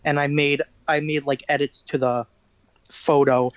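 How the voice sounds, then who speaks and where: A man's voice: on the high side, level tone, a little slow. Chatty teenage guy, self-mocking. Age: teens. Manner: rambling, self-deprecating, laughs at his own stories. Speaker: guest musician. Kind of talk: casual interview chat.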